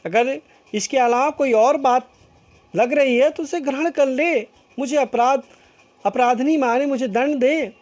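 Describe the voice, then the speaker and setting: Slow, repetitive woman teacher. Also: high voice, darkish tone. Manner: slow and repetitive, rephrasing each line several times. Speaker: school teacher. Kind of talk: explaining a poem line by line in class.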